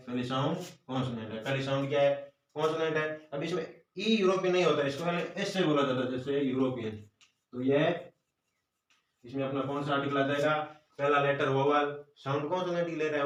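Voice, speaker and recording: Hindi-accented guy teaching grammar, a bit high voice, roomy echo, sounds far from the mic. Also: fairly bright tone. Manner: repeats questions and answers them himself. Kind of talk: classroom lesson.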